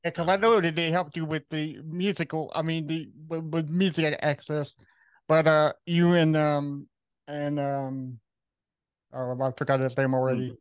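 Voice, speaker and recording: A man in his forties hosting a casual interview, asking questions in a halting way with many fillers and restarts. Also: fairly high pitch, flat delivery, smooth, no echo. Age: 40s. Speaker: podcast host.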